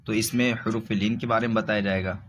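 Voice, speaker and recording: A male Quran reading teacher giving a recorded lesson, explaining patiently and repeating points, with slow drawn-out spelled recitation. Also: lowish voice, steady tone, a bit bright, muffled recording, slight background noise.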